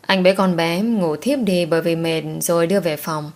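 Woman narrator for romance audiobooks, steady and calm, lower register. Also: normal speed.

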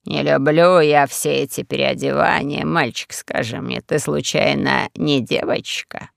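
A man's voice: mid-range voice, steady tone, unhurried, creaky, a bit bright, no room sound, clean studio sound, voice pushed down. A man voicing a sly, pompous old male castle lord in an audiobook, drawling each word with mock courtesy. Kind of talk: audiobook character voice.

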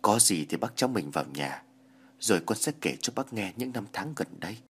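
A weary middle-aged soldier just back from war speaks in a spoken horror story, low-pitched and husky, stammering and deferential. A man voices him as narrator. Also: expressive, fairly quick, fairly bright tone. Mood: humble. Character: weary returning male soldier, grief-stricken and gentle.

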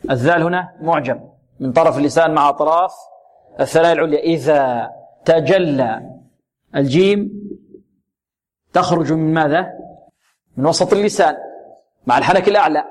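A man teaching Quran recitation rules, drawing out words slowly and repeating syllables, asking and answering his own questions. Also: on the high side. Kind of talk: tajweed lesson with recited examples.

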